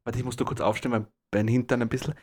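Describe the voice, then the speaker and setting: A man's voice: mid-range voice, level tone, very fast, husky. Playful young man. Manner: playful, teasing, mock-serious. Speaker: podcast co-host. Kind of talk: casual comedic chat.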